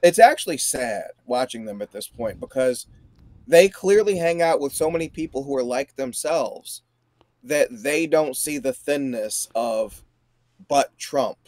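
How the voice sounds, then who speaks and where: A man in his forties, a guest, talking in an animated, emphatic way. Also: mid-range voice, measured pace, no echo. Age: 40s. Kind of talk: casual chat.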